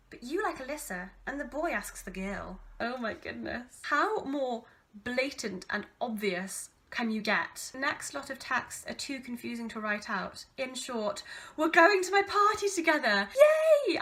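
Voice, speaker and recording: A woman in her twenties with an English accent reads from an old diary with casual asides, in an animated, self-mocking, theatrically exasperated way. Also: on the high side. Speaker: vlogger reading her old teenage diary.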